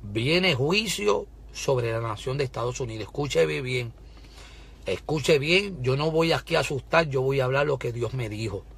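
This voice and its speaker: A man's voice: medium pitch, lively intonation, moderate pace, gravelly, hardly any pauses, slightly rough. A man preaching a prophetic sermon, fervent, repeatedly urging listeners to listen and breaking into tongues. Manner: bursts into shouted tongues.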